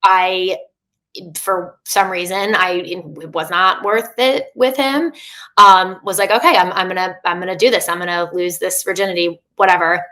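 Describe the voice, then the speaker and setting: Her lowish voice sounds pushed and bright, steady in tone and moderate in pace. She's a thirty-something coach speaking candidly as a podcast guest, chatty and full of fillers and restarts.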